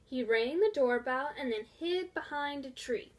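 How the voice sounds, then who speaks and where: A high-pitched woman reads a children's storybook aloud from a script, taking it slowly and deliberately with plenty of expression.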